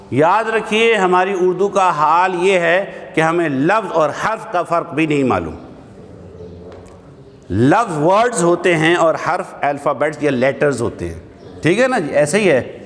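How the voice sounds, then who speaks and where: A man's voice: fairly high pitch, animated, a bit bright. A man teaching an Arabic grammar class in a mosque hall, lecturing in a conversational way, asking rhetorical questions and checking in with his listeners. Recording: long hall reverb.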